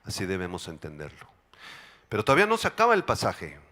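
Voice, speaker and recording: A man with a Mexican accent preaching a sermon as pastor, swinging between loud bursts and hushed, slow passages. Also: low-pitched, wildly swooping pitch. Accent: Mexican Spanish.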